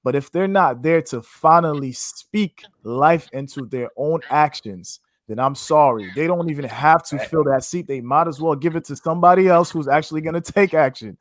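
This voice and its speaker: Talking at a normal speed with barely a pause, a Haitian trading educator with a higher-pitched voice delivers a passionate, preacher-like interview answer. The faith-filled phrasing stays casual with "man" and "you know what I'm saying," and there's no echo.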